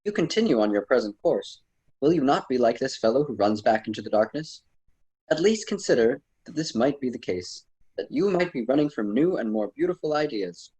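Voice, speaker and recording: In a radio drama, a man voices a patient ancient Roman poet and mentor, using formal, old-fashioned phrasing in this theatrical dialogue. His medium-pitched voice is husky and warm, with a sing-song lilt and a fairly quick pace. He sounds patient and persuasive, though the audio quality is poor.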